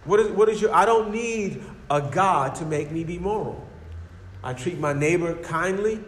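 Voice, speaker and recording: A man's voice: high-pitched, moderate pace, natural voice. A man voicing a scoffing male atheist who challenges a believer with mocking questions, in an echoey hall. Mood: defensive. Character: scoffing skeptical male atheist arguing at the door. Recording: echoey hall with faint noise.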